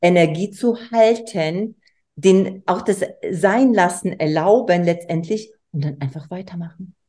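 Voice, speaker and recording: A woman's voice: on the low side, unhurried. A woman hosting a podcast and working as a coach herself, chatting casually and rambling with repeated words. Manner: rambling, repeats words, warm-hearted encouragement. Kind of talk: casual interview chat.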